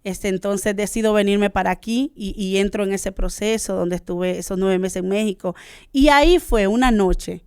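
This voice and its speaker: A Honduran woman in her thirties with a Honduran Spanish accent, telling her faith testimony as a guest in an earnest way, often pausing with "este". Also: mid-range voice, darkish tone, clean tone, dry recording, clean studio sound. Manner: earnest, searching for words with many "este" fillers. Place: studio.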